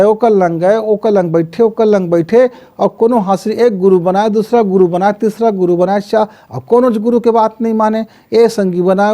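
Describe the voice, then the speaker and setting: High-pitched Chhattisgarhi man giving life advice. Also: warm tone. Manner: storytelling, acts out voices of villagers and parents. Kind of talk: motivational talk.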